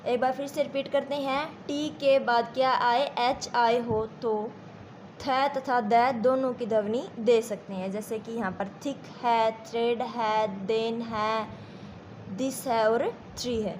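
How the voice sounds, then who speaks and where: Slow, patient Indian woman teacher. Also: a little high, steady tone, a little mellow, slight background noise. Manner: slow and repetitive, checks understanding with questions. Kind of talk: classroom lesson.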